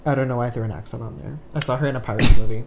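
A mid-pitched voice hosting a casual podcast chat. The delivery is hesitant, full of restarts and side remarks, over a faint hum of room noise. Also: steady tone, rapid-fire, gravelly. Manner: hesitant, with frequent restarts and asides. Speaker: podcast host.

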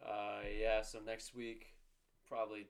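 A man's voice: lowish voice, monotone, measured pace. A man who hosts and edits the podcast, talking casually and leaning on filler words as he wraps up the show. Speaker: podcast host and editor. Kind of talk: casual chat.

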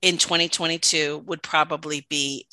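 A woman's voice: low-pitched, normal speed, dry recording. A woman author with a New York accent, talking animatedly in a casual chat and often restarting her sentences. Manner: animated, self-interrupting storyteller. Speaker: guest, author.

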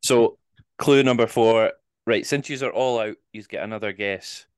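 A man's voice: fairly low pitch, moderate pace, clean tone, dry recording, clean studio sound. A man with a Scottish accent hosting a casual quiz podcast, teasing the players and reading the clues in the first person. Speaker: quizmaster.

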